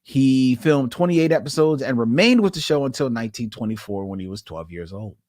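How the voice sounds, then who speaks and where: A man's voice: mid-range voice, animated, fairly quick, darkish tone, no room sound, studio quality. A man co-hosting a podcast in casual chat, laughing often and reading listener posts aloud. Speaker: podcast co-host.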